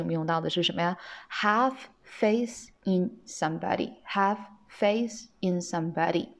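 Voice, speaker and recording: A woman hosting a spoken English lesson. She often asks her listeners questions and slows down to read the English lines. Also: fairly low pitch, a little mellow. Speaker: English teacher, podcast host.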